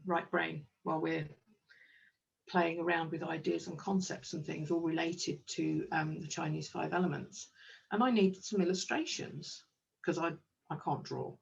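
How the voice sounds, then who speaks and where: A woman who is a kinesiologist and business owner chats enthusiastically in a casual interview, dropping frequent ums. Her lowish voice is gravelly, and she sounds far from the mic on dull audio.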